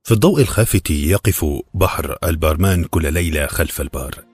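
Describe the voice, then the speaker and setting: A man narrating a novel as an audiobook, in expressive, dramatic storytelling. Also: low-pitched, fast, husky, faint music behind.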